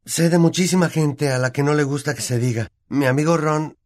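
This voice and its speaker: A man's voice: a little high, fairly quick, pitched above the performer's own voice, close to an everyday voice. A man with a Latin American Spanish accent voicing an earnest, worried young schoolboy wizard in an audiobook. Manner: eager, anxious questioning. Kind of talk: audiobook character voice.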